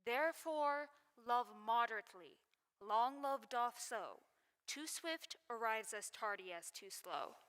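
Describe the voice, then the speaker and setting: Stage play: solemn cautioning friar, played by a woman; very slow, bright tone, reverberant hall. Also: a little high, lively intonation. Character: male friar, wise and cautioning.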